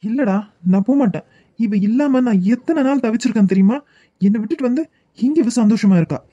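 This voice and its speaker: Lovesick young man in a cartoon, pleading, stammering, Kanyakumari Tamil accent, very dark mellow tone, dry close sound. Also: extremely high pitch, a little fast, no echo, lo-fi sound. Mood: desperate pleading. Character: distraught young man clinging to a lost love. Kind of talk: cartoon web series dubbing.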